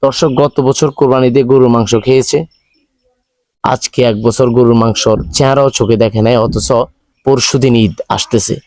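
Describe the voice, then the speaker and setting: A man with a Bangladeshi accent hosting a charity video, speaking in a halting, repetitive, pleading way to viewers. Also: mid-range voice, fairly even intonation, a little mellow, no room sound. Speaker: charity video host appealing for donations. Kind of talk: earnest spoken appeal to viewers, interviewing.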